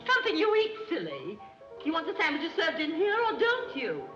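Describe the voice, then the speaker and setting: A woman's voice: very high-pitched, huge pitch swings, normal speed, a bit bright, lo-fi sound, exaggerated voice. An actress playing a scatterbrained, gushing society mother in a 1930s screwball film. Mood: flustered. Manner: flighty, gushing, giggly. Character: scatterbrained fluttery middle-aged society mother. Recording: old 1930s film soundtrack, music behind.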